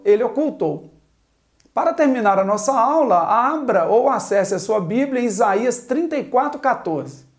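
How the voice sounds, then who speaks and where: A woman teaching Hebrew at a board spells out one sound at a time, then asks the viewer to repeat. The lesson is slow and patient, and her voice is on the high side and a little mellow.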